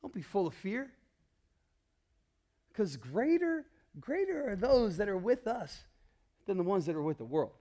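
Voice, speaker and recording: A male pastor preaching a sermon, calling out to the congregation and swinging between loud declarations and hushed, low passages. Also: very animated, unhurried, long pauses. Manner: calls out to the congregation.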